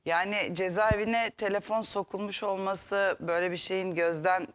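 A woman's voice: medium pitch, steady tone, normal speed. A middle-aged woman discussing on a live TV studio panel, opinionated and reasoning aloud. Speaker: panelist on a TV magazine show.

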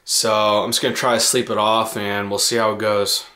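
A man's voice: lowish voice, little pitch movement, normal speed, pushed and bright. Young man vlogging after wisdom teeth removal. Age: 20s. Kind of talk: casual video diary. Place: parked car, driveway and bedroom. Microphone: handheld camera at arm's length.

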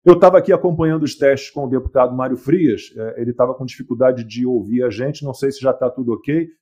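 A man with a dark, mellow voice hosts a live talk show. He chats easily, greets guests by name and tags his points with little questions. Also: mid-range voice, quick pace, dull audio. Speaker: show host.

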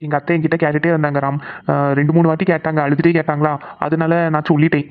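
A woman's voice: low voice, flat delivery, racing, noisy background. A woman who voices the characters of her cartoon channel and talks to viewers in an easygoing way. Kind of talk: cartoon voice acting and chat to viewers. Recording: dull lo-fi recording.

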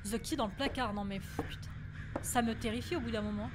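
A high-pitched woman with a French accent plays a scary game live. She sounds nervous, swears often and stumbles through English text. Game noise hums behind her. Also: fast. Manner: jittery, keeps saying she is scared, swears a lot. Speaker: gaming streamer. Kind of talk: live horror game commentary.

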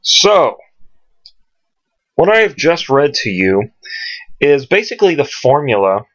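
A man teaching from scripture at home in a casual, rambling way, searching his computer aloud with many pauses and ums. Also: a little high, very animated, fairly bright tone. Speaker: Bible teacher. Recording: dull lo-fi home recording.

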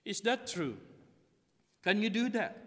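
A middle-aged Filipino pastor whose first language is Tagalog preaches from a pulpit in an empty church, repeating key phrases in a high, expressive voice that is pushed and bright, at a measured pace. A pulpit mic on a stand and a distant camera capture him, and the hall's reverb lingers long.

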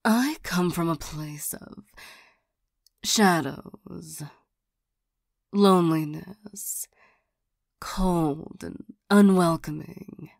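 A woman voicing a flirtatious, lonely female demon in an ASMR role-play, soft and partly soft-spoken, coaxing and teasing, easily irritated. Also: lowish voice, very slow, gravelly, pauses often, no echo, clean studio sound, full character voice. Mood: wistful. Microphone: close microphone.

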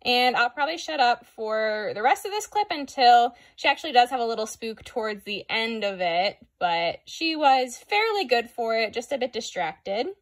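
A woman's voice: fairly high pitch, big pitch swings, normal speed, few pauses. A young woman giving a casual, chatty voice-over of her own horse riding footage, with a self-deprecating manner and frequent "like". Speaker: equestrian vlogger.

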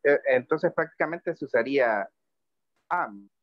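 Male student, mid-range voice, unsure and halting, on a dull dry video call. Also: mid-range voice, animated, no echo. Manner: hesitant, with frequent "eh" fillers. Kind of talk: asking a question in an online class.

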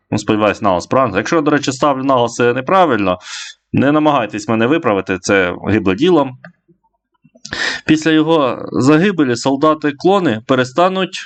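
Man, let's play commentary, casual, hesitant, lots of fillers, mid-range pitch. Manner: hesitant, full of fillers and self-corrections.

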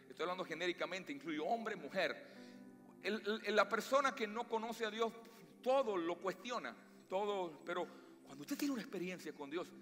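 Fervent Latin American pastor preaching. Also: male voice, high-pitched, fairly bright tone. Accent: Latin American Spanish. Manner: fervent preaching with emphatic rises and slow stressed phrases. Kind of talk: sermon. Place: church sanctuary. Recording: long church reverb with faint music.

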